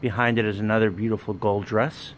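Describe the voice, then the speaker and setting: Man giving a warehouse walkthrough pitch. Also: fairly even intonation, brisk, slight background noise. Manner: plain, listing items one by one. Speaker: wholesale business owner. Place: indoor warehouse with dress racks. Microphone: handheld phone camera, speaker off screen.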